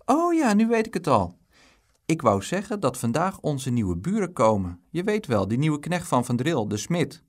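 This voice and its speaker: A man voicing a greedy, hot-tempered twelve-year-old boy who talks eagerly and flares up quickly. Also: medium pitch, sing-song.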